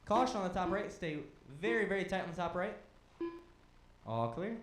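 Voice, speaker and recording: A man runs the race from the stand, rattling off positions, gaps and caution calls in clipped, matter-of-fact commands. His voice sits high for a man. It rings out with a lot of echo around it. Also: very animated, moderate pace. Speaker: race director. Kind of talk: live race calling over a PA.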